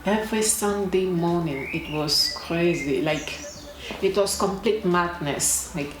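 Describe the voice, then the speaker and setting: A young woman from Cameroon, talking casually to camera as a vlogger, slow and deliberate with pauses and emphatic repetitions. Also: fairly low pitch. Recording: echoey room with clear background noise.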